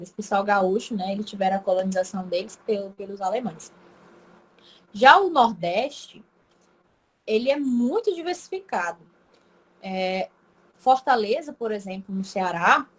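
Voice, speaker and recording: A woman's voice: mid-range voice, lively intonation, moderate pace. A woman teacher with an Acre Brazilian accent, giving a remote class lecture in a chatty way and constantly checking in with her students. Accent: Acre Brazilian Portuguese.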